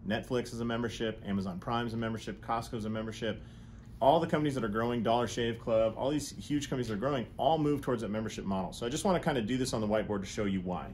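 A man in his thirties coaches clinic owners through a whiteboard lesson, thinking aloud as he works each sum out. His voice sits at an ordinary middle pitch. A lapel mic in a small room catches him over a faint background hiss. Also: racing, darkish tone. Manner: casual, thinks aloud while doing sums. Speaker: chiropractic business coach.

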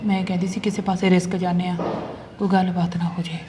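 An actress with a Punjabi accent playing a worried village wife who hushes and scolds her husband, pleading with him to be careful. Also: mid-range voice, quick pace, a little hiss or hum, natural voice. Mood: cautious. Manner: urgent, pleading, hushing. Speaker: actress in a short film. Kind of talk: village drama acting.

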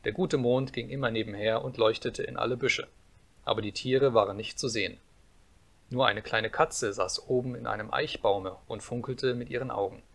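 A man reading a fairy tale aloud as an audiobook narrator, calm and measured. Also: medium pitch, vocal fry.

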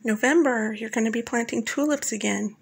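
A woman narrating a scripted voice-over guide, speaking in a calm and instructive way and addressing the listener directly. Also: a little high, brisk, creaky, slightly rough, low-quality recording. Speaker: flower farmer and channel host.

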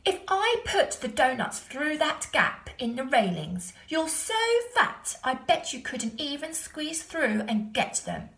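A woman voicing a clever young boy who taunts in a high, drawn-out voice. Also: big pitch swings, fairly bright tone, echoey room, exaggerated voice, poor audio. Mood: teasing.

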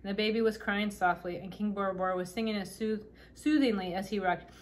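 A woman reads a children's novel aloud at an unhurried pace. Her voice sits in a middle pitch and stays gently expressive. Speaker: storybook reader.

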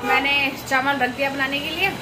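A woman's voice: sits high, steady tone, brisk, loud music behind the voice. A young woman from Uttarakhand chatting casually to her vlog camera while she cooks in a home kitchen, rambling with lots of fillers. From Uttarakhand, India. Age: young adult. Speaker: vlogger. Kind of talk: casual chat while cooking. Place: home kitchen beside a window onto a busy highway. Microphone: fixed camera placed in the kitchen.

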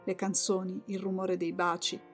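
A woman's voice: lowish voice, completely flat delivery, normal speed, soft background music. Woman reading a novel aloud. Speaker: audiobook narrator. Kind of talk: literary audiobook reading.

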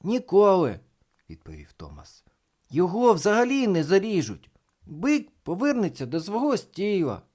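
A man voicing a bold, clever young boy in a storybook reading, speaking in an eager, excited way. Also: normal speed, full character voice. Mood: cheerful. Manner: eager, excited, high-pitched.

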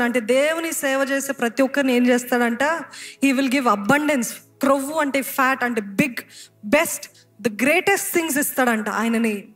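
A woman preaching a sermon, calling on the congregation to answer aloud and mixing English phrases into her preaching. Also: high voice. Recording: faint music behind.

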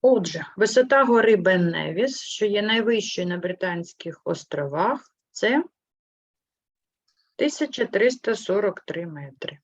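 A woman teaching a primary school class, patient and clear, asking questions and gently correcting her pupils. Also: expressive, unhurried, no echo. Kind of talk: online class lesson. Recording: muffled low-fidelity sound.

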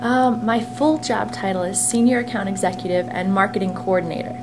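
A woman's voice: medium pitch, a little fast. Chatty upbeat young woman, humming room. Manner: upbeat, chatty, laughs easily. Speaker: interviewee, team sales and marketing staffer. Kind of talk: casual interview chat. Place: small locker room, indoors. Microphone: camera phone held close at arm's length. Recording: noisy room with steady hum.

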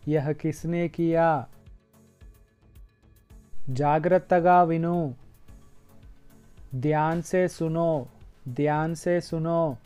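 Slow, deliberate male Hindi teacher. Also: a little high, fairly even intonation, mellow, smooth, faint music behind. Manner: repeats each phrase slowly and deliberately. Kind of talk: slow language lesson, repeating phrases.

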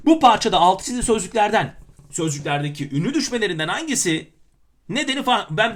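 A man teaching grammar by working through exam questions, with playful self-mocking asides between emphatic explanations. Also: a little high. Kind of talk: exam question walkthrough lesson.

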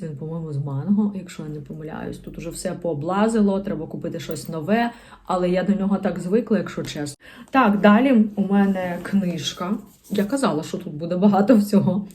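Woman, beauty vlogger, casual chat to camera, low voice, warm mellow tone, rambling, slangy. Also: a little hiss or hum. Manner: chatty, rambling, full of slangy asides.

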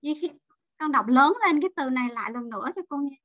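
A woman's voice: sits high, expressive, fast talker, fairly bright tone, dry recording, dull audio. A woman teacher leading an online class, explaining vocabulary and patiently drilling pronunciation. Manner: drills pronunciation, mixes English terms into explanations.

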